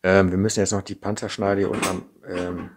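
A man's voice: low voice, little pitch movement, a little fast, noisy background. A middle-aged man from the Ruhr area with a Ruhr German accent, chatting and thinking aloud as he demonstrates assembling a kit at his workbench, often tagging sentences with a questioning "ne?". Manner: chatty, thinking aloud while working, frequent "ne?" tags. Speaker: model kit maker. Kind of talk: unscripted hands-on build demonstration. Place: indoor workbench. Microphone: camera mic over a tabletop, hands in frame.

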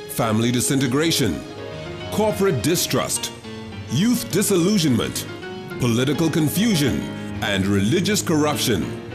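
A man reading a dramatic scripted program intro as announcer. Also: medium pitch. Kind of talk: scripted promo narration. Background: music.

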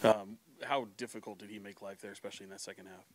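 A man's voice: on the low side, steady tone, fast, slight background noise, poor audio. A male reporter asking questions at a press conference in a loose, conversational way, stumbling into restarts. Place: press conference room, indoors.

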